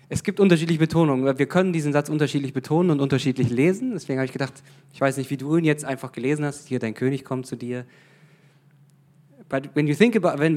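A man's voice: a little high, a little mellow. A man giving an informal sermon, talking conversationally with frequent fillers and restarts and now and then slipping into English phrases. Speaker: preacher.

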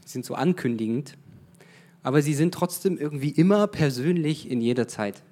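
A man's voice: on the high side, lively intonation, moderate pace, warm tone. A man giving an informal sermon, talking conversationally with frequent fillers and restarts and now and then slipping into English phrases. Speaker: preacher.

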